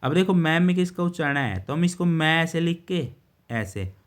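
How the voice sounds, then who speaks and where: A man's voice: fairly high pitch, expressive, normal speed. Man patiently teaching a lesson. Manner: patient, repeats words and checks with "theek hai". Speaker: steno teacher. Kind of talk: explaining a lesson while writing.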